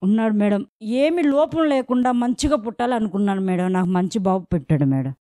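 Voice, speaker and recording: A woman's voice: medium pitch, lively intonation, fairly quick, warm tone, no echo, studio quality. A young woman, earnestly recounting her pregnancy as an interviewee. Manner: addresses interviewer as madam constantly, earnest. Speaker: patient interviewee. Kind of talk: interview testimony.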